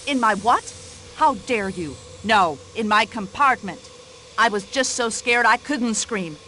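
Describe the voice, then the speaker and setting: An actress playing a pushy, talkative middle-aged American widow who complains indignantly, with an American accent. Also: female voice, on the high side, expressive, measured pace, bright, forceful tone, slight background noise, rough recording. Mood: breathless fright. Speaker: witness in a radio-style drama.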